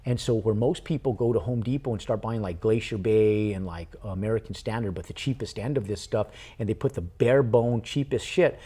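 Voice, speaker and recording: A man in an interview who tells his story casually, animated and with casual swearing. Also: lowish voice, brisk, few pauses, breathy edge. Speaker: podcast guest, real estate investor.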